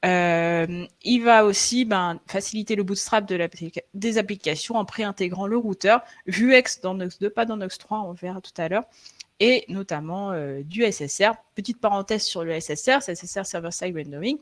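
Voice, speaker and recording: A woman's voice: medium pitch, moderate pace. A young woman giving a live online coding presentation over a computer mic. She talks in a loose, hesitant way, full of fillers and restarts, and checks in with her viewers now and then. Her throat is a little sore. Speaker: frontend developer presenting a live webinar. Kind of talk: live tech presentation, conversational.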